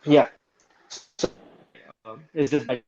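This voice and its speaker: A man's voice at a middle pitch comes through a dull, lo-fi internet call and keeps cutting out on the poor connection. He speaks hesitantly, with many fillers, as a guest on a remote interview. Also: steady tone, measured pace, dark tone. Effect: voice cutting out on a bad internet connection. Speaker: guest developer.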